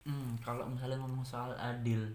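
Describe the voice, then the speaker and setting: A man's voice: mid-range voice, monotone, moderate pace, a little mellow. A man hosting a casual chat, prodding his guest with questions and urging the story on. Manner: prodding interviewer, laughs, urges the story on. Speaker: host. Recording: echoey room with faint background noise.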